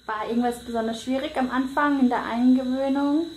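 A woman's voice: sits high, fairly even intonation, brisk, darkish tone. A woman interviewer who asks short questions and often answers with a brief "mhm". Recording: echoey room with faint noise.

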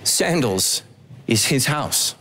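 A man's voice: slow, slight background noise. A middle-aged man, a pastor, preaching a sermon on a large church stage into a handheld microphone, telling stories with humorous asides. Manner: animated storytelling with humorous asides, pitch swinging widely.

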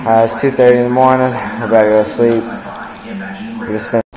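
A man's voice: medium pitch, level tone, fast, highs cut off. A teenage young man chatting casually in a slangy, profane way to a handheld camera. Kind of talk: casual vlog chat. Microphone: handheld camera close by. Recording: noisy handheld camera recording.

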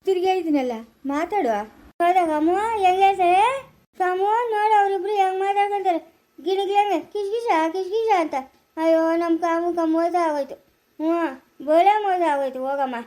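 A woman with a rural Karnataka Kannada accent playing a meddlesome village woman who goads and teases with quick jibes in an amateur family skit. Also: extremely high pitch, dark tone. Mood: mocking. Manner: teasing, goading, quick jibes.

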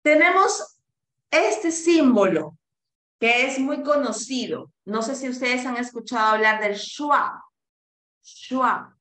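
A woman leads a pronunciation lesson, drawing out each vowel so her students can copy it. Her voice is bright and fairly high, and she speaks very slowly. The room around her has a noticeable echo. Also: lively intonation. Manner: slow and deliberate, drawing out each vowel and code-switching to English. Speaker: pronunciation teacher. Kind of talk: classroom lesson, modeling sounds for students to repeat.

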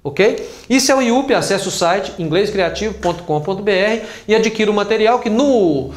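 A man's voice: sits high, animated, moderate pace. A man with a Brazilian Portuguese accent teaching an English grammar lesson, patiently repeating points with examples. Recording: roomy echo.

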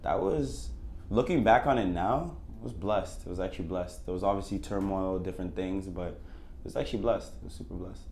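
A young man raised in Canada, answering interview questions in a relaxed, emphatic way and often repeating his key phrases. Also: deep voice, brisk. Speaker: guest rapper. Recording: roomy echo, faint background noise.

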